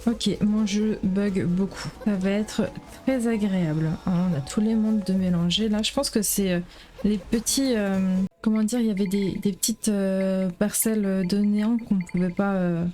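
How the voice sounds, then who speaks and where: A woman giving casual gameplay commentary as host of her let's play, chatty and quick to exclaim when things go wrong. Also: mid-range voice, dark tone. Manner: chatty, exclaiming at the game, fillers.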